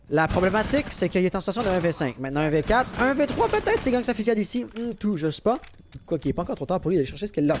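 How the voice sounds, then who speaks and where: A young man casting an esports match with play-by-play commentary, excitable and rising sharply at big plays. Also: a little high, background noise. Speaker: esports caster.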